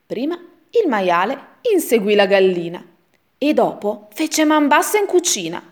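A woman's voice: on the high side, unhurried. Sing-song woman reading a rhyming tale. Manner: lively sing-song rhythm. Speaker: storyteller. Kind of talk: rhyming children's story reading.

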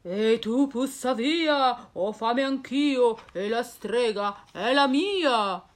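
A woman voicing a slimy swamp monster in a storybook reading, slow and gruff. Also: on the high side. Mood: threatening.

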